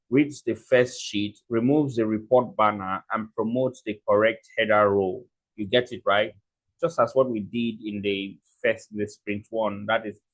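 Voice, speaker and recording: A man giving a step-by-step software tutorial, dictating what to type piece by piece and often checking in with short tags. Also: lowish voice, low-quality recording. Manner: dictating code symbol by symbol; frequent check-in tags like okay and right. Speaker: software instructor.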